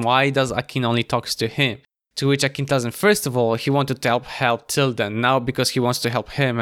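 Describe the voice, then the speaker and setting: A man co-hosting a casual book discussion, retelling scenes in an animated way with many fillers. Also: mid-range voice, clean tone. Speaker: podcast co-host.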